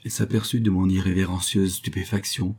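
A man narrating a literary short story as an audiobook in a measured, unhurried way. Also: low voice, fairly even intonation, vocal fry, a little mellow, breathy edge.

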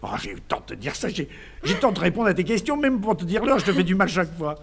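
A man's voice: high-pitched, sing-song, fast talker, gravelly, exaggerated voice. A man playing a naive, doting man who fusses tenderly over a woman, in a 1950s stage comedy recording. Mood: consoling. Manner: tender, fussing and chattering. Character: doting, fussy, naive middle-aged man.

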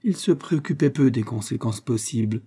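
A man voicing Madame Weston, a kindly, troubled middle-aged woman, with a dark, husky voice. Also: mid-range voice, expressive, a little fast.

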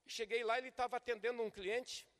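An older man, a pastor preaching a sermon and swinging from soft to loud. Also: very high voice, steady tone, a little fast. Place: church service. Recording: long hall reverb from a church.

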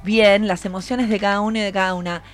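In a radio studio, a woman with an Argentine accent hosts a casual interview with students, encouraging them and prompting them with questions. Her medium-pitched voice is steady and quick, picked up by a studio microphone over soft background music.

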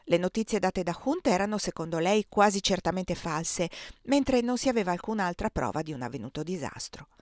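A woman's voice: on the low side, fairly quick, dry recording. Woman reading an audiobook, dry and close. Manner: clear, steady storytelling. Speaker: audiobook reader. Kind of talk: audiobook narration.

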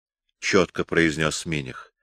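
A man's voice: a bass voice, little pitch movement, takes it slowly, dry recording, clean studio sound. A man narrating a historical novel aloud, raising his voice to act out the dialogue. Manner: reads dialogue with raised, forceful voices. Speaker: audiobook narrator.

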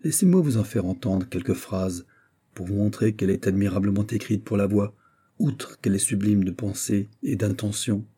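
A man reading aloud voices a serious young female singer in an audiobook, in a raised, measured voice. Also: lowish voice, mellow, husky. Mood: earnest. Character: young woman singer, earnest and grave.

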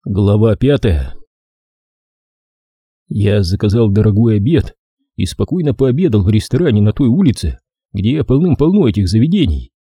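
A man narrates a detective story in the first person, in a lively, ironic style with plenty of movement in his pitch. His voice is very dark and mellow with a husky grain. The recording is dry and close. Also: moderate pace, long pauses, no room sound. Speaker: audiobook reader. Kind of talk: scripted narration.

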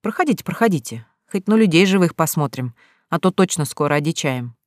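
A reader voicing an older retired farmer with a grey beard who is chatty and welcoming, talking in a hearty, drawn-out way. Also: mid-range voice, expressive, no room sound, clean studio sound, natural voice. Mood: hospitable.

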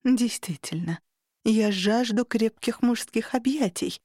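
Lady doing a coaxing sorceress, slow and sultry, dry close sound. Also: on the high side, a little mellow, breathy edge, no room sound. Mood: languid. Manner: slow, coaxing delivery, sometimes whispered. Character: seductive, imperious sorceress, a grown woman.

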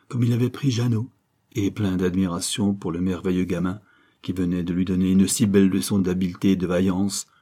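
A man reading a serial novel aloud as audiobook narrator, measured and literary. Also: fairly low pitch, mellow, breathy edge. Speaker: audiobook reader.

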